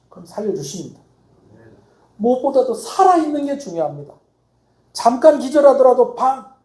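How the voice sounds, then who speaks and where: Casting note: middle-aged male pastor, lively swinging pitch, mellow tone, echoey church hall. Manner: emphatic preaching, acts out dialogue. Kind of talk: sermon. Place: church sanctuary.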